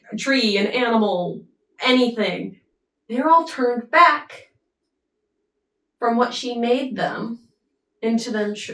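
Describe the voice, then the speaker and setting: A woman retelling an opera plot in a chatty, casual way, with pauses and asides. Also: medium pitch, a bit bright. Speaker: storyteller summarizing an opera. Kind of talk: casual storytelling. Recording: roomy, mic at a distance.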